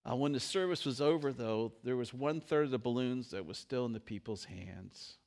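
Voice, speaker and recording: Male pastor, mid-pitched, sermon delivery with congregational prayer. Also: moderate pace, a little mellow. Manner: preaching with prayer and leading the congregation in a sung verse.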